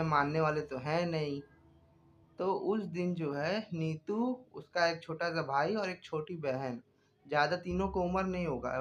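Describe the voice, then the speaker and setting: Man, casual horror storyteller, rambling with fillers, slightly high voice. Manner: rambling, many fillers and repetitions. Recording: voice with faint background music.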